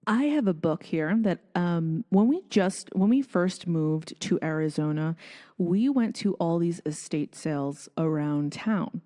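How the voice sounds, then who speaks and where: A woman's voice: lowish voice, lively intonation, unhurried, mellow, big-room sound. A woman hosting a casual solo podcast, chatting and thinking aloud as she reads passages from a book. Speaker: podcast host.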